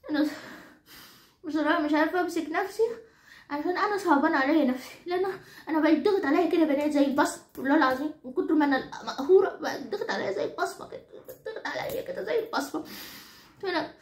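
Quick-paced yet pausing often, a woman's high-pitched, lightly acted voice fills a roomy space. Her comic character monologue casts her as a nagging Egyptian grandmother of nearly ninety, henpecked by her husband. In a scolding mood, she rants to the audience with an Egyptian Arabic accent, repeats herself, and swears exaggerated oaths.

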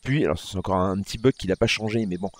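A man's voice: low voice, quick pace, no room sound. Man giving a dry, chatty game walkthrough. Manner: chatty, loose and self-correcting as he clicks through menus. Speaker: gaming channel host. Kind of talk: casual gameplay walkthrough commentary.

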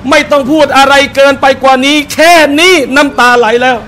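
An Islamic religious teacher preaches to a live audience in a restaurant hall, sharing personal anecdotes, acting out short quotes, and calling listeners brothers and sisters. His voice is very high, bright, and forceful, fairly quick with fairly even intonation.

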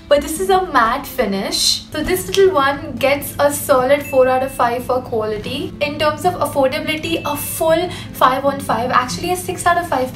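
High-voiced young Indian woman vlogging. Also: roomy sound. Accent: Indian English. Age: young adult. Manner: chatty and expressive, mixing in Hindi phrases. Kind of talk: casual product haul review. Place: bedroom with striped wall.

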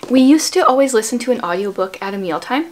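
In a small furnished room at home, a woman in her thirties hosts a book chat, explaining things casually and prompting with questions. She is a homeschooling mother with a fairly high, expressive voice, and she talks fast. A little hiss or hum sits in the audio.

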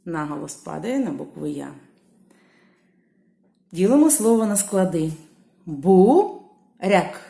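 A woman teaching a primary school lesson, slowly calling out each word and stretching its stressed syllable. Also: on the low side, expressive, creaky, dark tone. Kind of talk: slow classroom lesson. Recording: echoey room.

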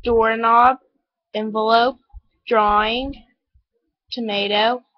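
A woman's voice: fairly high pitch, fairly even intonation, takes it slowly. A woman from Oklahoma with an Oklahoma accent, casually reading out a word list for a webcam challenge and correcting herself as she goes. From Oklahoma, USA. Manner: reads words aloud, self-correcting chatter. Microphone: webcam mic. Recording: lo-fi webcam audio.

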